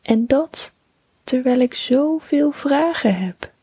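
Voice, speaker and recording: In a breathy whisper almost the whole way through, a woman tells a children's bedtime story very slowly, calmly and soothingly. Her voice sits high and is close and dry, with no echo or room sound.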